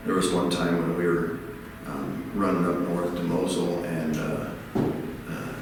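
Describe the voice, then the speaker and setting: A man tells a story from his deployment in halting bits, full of fillers. His voice is very deep. The mic is distant in a reverberant space, with clear ambient noise. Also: monotone. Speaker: veteran. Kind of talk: interview anecdote. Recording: echoey hall, distant mic, background noise.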